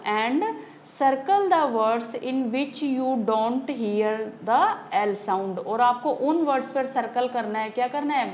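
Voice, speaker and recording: Slow patient woman teacher. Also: fairly high pitch, darkish tone. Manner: slow, patient, repeats key points for children. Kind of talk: textbook lesson explanation. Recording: slightly dull lo-fi audio with faint noise.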